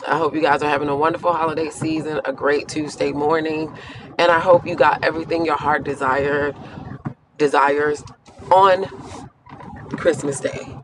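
A woman's voice: sits low, fairly even intonation, moderate pace. A woman in her thirties vlogging from her car, chatty and rambling with lots of fillers, on a phone camera on the dashboard. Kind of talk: casual car vlog talk. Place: inside a parked or moving car. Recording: faint car and road noise.

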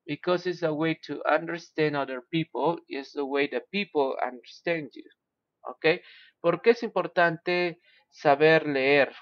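A man teaching an English class online, speaking slowly, mixing Spanish and English, and often saying "ok". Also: on the high side, no echo. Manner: switches between Spanish and English, slow and careful, repeats "ok". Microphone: video call. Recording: dull lo-fi video call audio.

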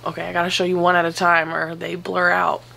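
A young woman at home chatting casually through an unboxing, gushing and excitable, swearing now and then. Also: lowish voice, brisk, creaky. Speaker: plant vlogger.

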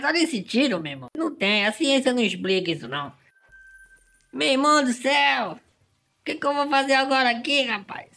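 A man's voice: very high voice, pushed and bright. A man, hosting a gaming channel and giving overexcited, exclamatory commentary on a hunting game. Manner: exclamatory, emotional, fills lines with "rapaz".

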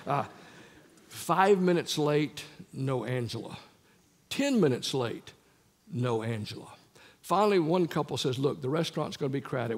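A man's voice: medium pitch, vocal fry, slightly rough. An older man preaching a sermon, telling stories from his years as a counselor and acting out the voices of the people in them. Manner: animated storyteller acting out quoted voices. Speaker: guest preacher and former counselor. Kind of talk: storytelling sermon. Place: large church sanctuary. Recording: long reverb of a large church hall.

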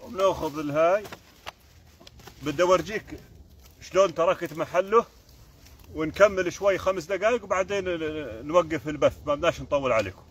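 A man with a Jordanian Arabic accent talks in a loose, chatty way on a live stream from a forest. His voice sits a little high for a man. He keeps pointing things out to his viewers as he goes, recorded outdoors on a phone held in his hand. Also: a little fast, pauses often, a little hiss or hum. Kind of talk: casual live-stream chat while foraging.

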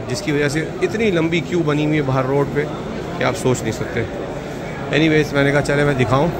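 A man with a Pakistani Urdu accent vlogs a walking tour of an exhibition in casual commentary, complaining at times and admiring at others. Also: on the high side. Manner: chatty, complaining then admiring. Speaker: vlogger. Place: busy exhibition hall, outdoors at the gate first. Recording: loud background crowd noise.

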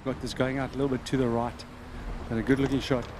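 Mid-pitched male golf commentator, noisy outdoors. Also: flat delivery, quick pace. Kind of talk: live golf tournament commentary. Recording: clear outdoor background noise. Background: outdoor course ambience.

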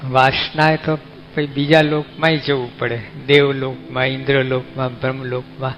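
Slow-speaking Gujarati monk, lo-fi. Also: male voice, medium pitch, slight background noise. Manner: folksy, conversational, asks the listeners questions. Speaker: monk giving a discourse. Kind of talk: sermon. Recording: dull lo-fi recording with faint music.

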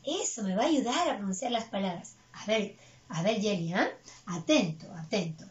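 A woman's voice: mid-range voice, lively intonation, normal speed, muffled recording. A woman teaching English to preschool children online, speaking patiently and coaxing them along. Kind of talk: online class for small children.

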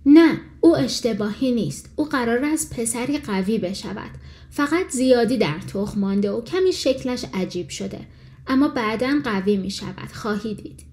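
A woman's voice: fairly high pitch, animated, a little mellow, lightly acted. Woman voicing a protective mother duck. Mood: defensive. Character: proud anxious mother duck.

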